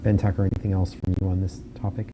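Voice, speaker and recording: Brisk dark-voiced forum moderator man. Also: low-pitched, level tone, slight background noise, low-quality recording. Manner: brisk, businesslike timekeeping.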